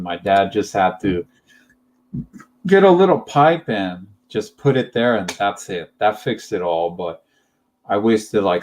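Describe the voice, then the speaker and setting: A young man hosting a relaxed chat, talking slowly in a lowish voice. He rambles and hesitates, stacking up fillers and small giggles as he hunts for words. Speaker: channel host. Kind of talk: casual chat.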